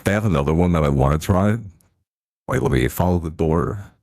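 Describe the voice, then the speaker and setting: Streamer through a deep pitch-shifting voice changer. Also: male voice, animated, fairly quick, creaky, a little mellow, no room sound, studio quality. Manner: chatty, reacts aloud to the game. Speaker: live streamer. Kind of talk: casual gameplay commentary.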